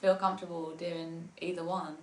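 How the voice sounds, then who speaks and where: A woman's voice: on the low side, level tone, moderate pace, a little mellow, echoey room. A young English woman, a musician, chatting casually in an interview, laughing often and filling with ums and likes. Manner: giggly, with many ums and likes.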